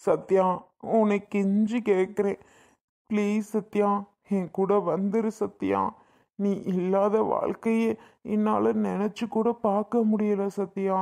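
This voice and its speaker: A woman with a mid-range, darkish, natural voice does cartoon voice acting. She plays an insistent young man pleading with his ex-girlfriend to take him back.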